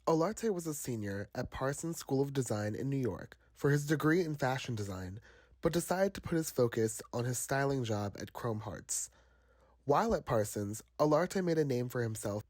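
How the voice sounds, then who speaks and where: Lively male reporter, dry voice-over. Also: mid-range voice, no room sound. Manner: upbeat, promotional tone. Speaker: video reporter and narrator. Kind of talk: scripted narration.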